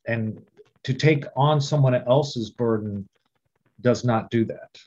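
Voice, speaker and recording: Reflective, measured male veteran guest with a raspy voice, recorded on muffled lo-fi audio. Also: medium pitch, a little mellow. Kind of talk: podcast interview.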